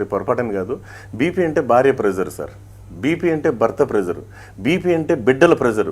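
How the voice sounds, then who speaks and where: A middle-aged man with an Andhra Pradesh Telugu accent, a police head constable and mimicry artist, telling stories as an interview guest and weaving proverbs and rhymes into his answers. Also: medium pitch. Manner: storytelling with proverbs and rhymes, animated shifts in voice.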